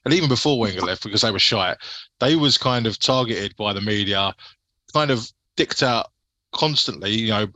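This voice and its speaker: Bright-voiced British man chatting casually. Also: on the low side, expressive, moderate pace, dry recording, low-quality recording. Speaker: football fan podcast panellist putting questions. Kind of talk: casual sweary football chat.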